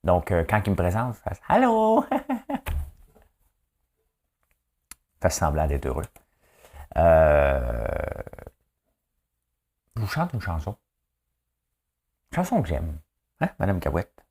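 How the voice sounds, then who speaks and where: A man's voice: sits low, sing-song, measured pace, pauses often, a little mellow, husky. A man with a Québécois accent hosting a daily news show, chatting casually in a joking, rambling way with lots of asides. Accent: Québécois French. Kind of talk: casual solo news commentary.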